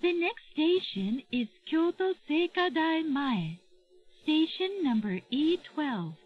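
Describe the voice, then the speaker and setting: A woman giving a recorded train announcement over the loudspeaker, formal and carefully enunciated. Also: high-pitched, sing-song, extremely slow, faint music behind. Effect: played over a train loudspeaker. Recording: dull lo-fi train audio.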